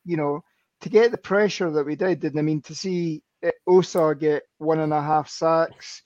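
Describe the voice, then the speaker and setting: A man with a fairly high voice breaks down players and plays in quick detail on a casual fan podcast. His mic sounds dull and completely dry, like a remote call-in setup. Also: fairly even intonation, darkish tone, no echo. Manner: fast, detailed run-through of players and plays. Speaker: podcast co-host.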